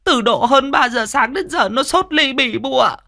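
A man's voice: normal speed, bright, forceful tone, dry recording, clean studio sound. Man doing a wailing frantic village aunt. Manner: wailing, pleading, high falsetto. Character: panicked village aunt, middle-aged woman.

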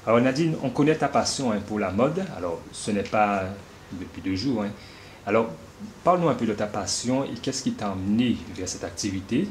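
Low-voiced male interviewer. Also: lively intonation, moderate pace, a little hiss or hum. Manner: friendly prompting, tags questions with "hein". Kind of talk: casual interview.

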